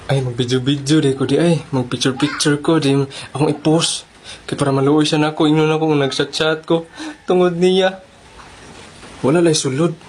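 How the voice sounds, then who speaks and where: A performer acting out comedy skits alone, playing every part and jumping between voices with animated delivery. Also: mid-range voice, normal speed, slight background noise.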